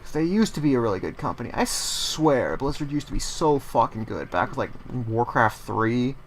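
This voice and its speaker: A man's voice: mid-range voice, big pitch swings, moderate pace, slight background noise. A man giving casual gaming commentary, swearing heavily and ranting as he gets frustrated. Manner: profane, ranting, easily frustrated. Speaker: let's play commentator.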